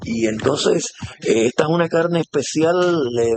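Guy interviewing, kinda high voice, lots of ehs, bit of hiss behind. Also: creaky. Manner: chatty, halting questions with many fillers. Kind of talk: on-site interview.

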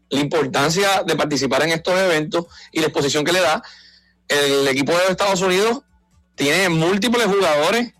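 A man's voice: fairly high pitch, a bit bright, no echo, rough recording. A man, talking baseball in a casual radio conversation, explaining things in an informed, emphatic way. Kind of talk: casual sports talk.

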